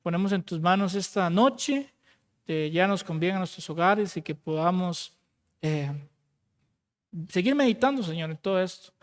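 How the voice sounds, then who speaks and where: A man preaching, then leading a fervent closing prayer that repeats "Lord" at phrase ends and trails off softly. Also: high-pitched, lively intonation, moderate pace. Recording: long hall reverb.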